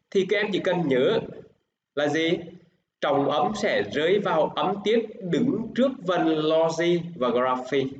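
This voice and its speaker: Male English teacher, Vietnamese accent, slow classroom delivery, lo-fi echoey recording with faint noise. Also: on the high side. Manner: slow in English, quick when explaining in Vietnamese. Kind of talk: bilingual classroom lesson. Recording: echoey, dull, faint hiss.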